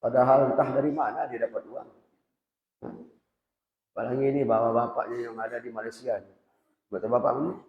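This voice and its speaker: A man gives a relaxed religious lesson, chatting with his students and stopping to quiz them directly. His voice rings through a roomy hall with a long reverb tail. The recording is dull and lo-fi. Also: mid-range voice, a little fast, creaky, long pauses. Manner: conversational, quizzes students directly. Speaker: Islamic boarding school teacher. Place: boarding school prayer hall. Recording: echoey hall, dull lo-fi sound.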